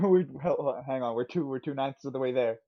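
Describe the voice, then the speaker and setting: A man's voice: mid-range voice, moderate pace, dull audio. A man co-hosting a casual sports podcast, making joking asides. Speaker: podcast co-host.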